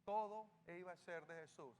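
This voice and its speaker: A man with a high, slightly mellow voice preaches at normal speed, his Salvadoran Spanish accent clear over a little hiss or hum. As a pastor, he asks his congregation questions he then answers himself, recorded in an echoing church hall with music.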